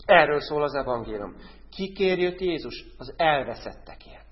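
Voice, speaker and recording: Man, preacher, sermon, somewhat high voice, asks the listeners direct questions, loud then hushed, long echo of a hall, dull recording. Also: animated.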